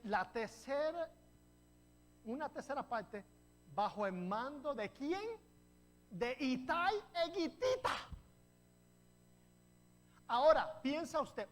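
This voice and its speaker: A man from New Jersey preaching a sermon as pastor, telling the story in a lively way and putting rhetorical questions to the congregation. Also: sits high. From New Jersey, USA. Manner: jokes with the congregation.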